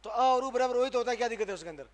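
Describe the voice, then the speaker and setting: High-voiced grammar teacher lecturing. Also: male voice, racing. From Rajasthan, India. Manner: asks the class rhetorical questions and answers them himself; emphatic, repeats and stresses sounds to demonstrate. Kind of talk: classroom lecture. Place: classroom.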